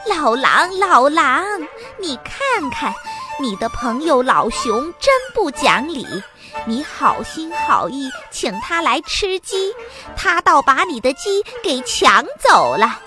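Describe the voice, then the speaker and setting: A woman's voice: high-pitched, very animated, takes it slowly, heavily acted. A woman doing a sly, scheming fox. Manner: wheedling, scheming. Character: sly fox, sneaky trickster. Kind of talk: children's storytelling. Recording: music playing behind. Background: background music.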